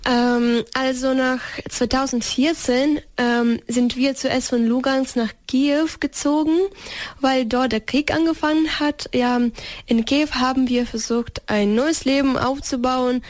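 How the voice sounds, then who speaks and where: A woman's voice: high-pitched, steady tone, measured pace, dry recording. A teenage girl from Ukraine speaking, answering interview questions hesitantly with many fillers and restarts. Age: teens. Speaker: interview guest.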